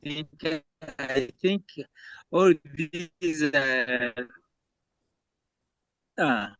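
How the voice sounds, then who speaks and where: A man speaking on a video call with a connection that keeps breaking up, talking haltingly. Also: fairly high pitch, fairly bright tone, no echo. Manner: halting, hesitant speech. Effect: choppy breaking-up video call connection. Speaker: meeting participant.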